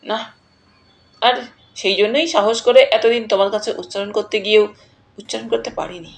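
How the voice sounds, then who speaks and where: Woman doing a soft-spoken shy young lover. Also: mid-range voice, normal speed, creaky, lightly acted. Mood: tender. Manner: soft, tender, hesitant.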